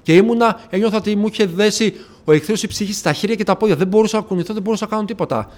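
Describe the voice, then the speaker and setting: A man's voice: high-pitched, a little mellow. A man from Athens giving an earnest personal faith testimony to a congregation, retelling past conversations and often addressing his listeners as brothers. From Athens, Greece. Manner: earnest, retells conversations with frequent "I say, she says" asides. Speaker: church member giving testimony.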